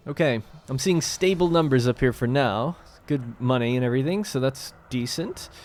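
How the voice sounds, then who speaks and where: A man hosts a let's play, chatting loosely and thinking aloud as he works through a city-building game. His voice sits at an ordinary middle pitch, and faint game music plays underneath. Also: lively intonation, normal speed, darkish tone. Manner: casual, thinking aloud while playing. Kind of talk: gameplay commentary.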